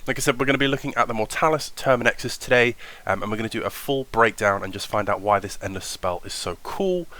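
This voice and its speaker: A man's voice: lowish voice, fast talker, few pauses, pushed and bright. Upbeat man with a nasal cold voice. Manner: upbeat, enthusiastic. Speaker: wargaming channel host. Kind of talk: hobby tactics voiceover.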